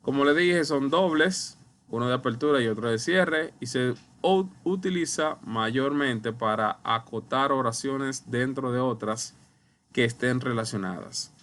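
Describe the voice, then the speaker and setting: A man teaching a recorded online lesson over slides, explaining slowly and deliberately, speaking straight to his viewers. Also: mid-range voice, a bit bright. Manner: slow, deliberate explaining, addresses viewers as ustedes. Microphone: computer mic while writing with a mouse.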